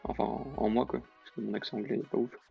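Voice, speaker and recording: A man's voice: fairly low pitch, little pitch movement, quick pace, gravelly, husky, narrow, tinny audio, faint music behind. A man explaining a trading lesson in a casual, hesitant way, with many fillers and self-corrections. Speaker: trading tutor. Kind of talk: casual screen-recorded lesson.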